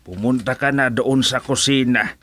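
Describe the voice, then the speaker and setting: An actor playing an easygoing, unhurried older father in a radio drama. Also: mid-range voice, steady tone, bright, forceful tone. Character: easygoing middle-aged or older father at home.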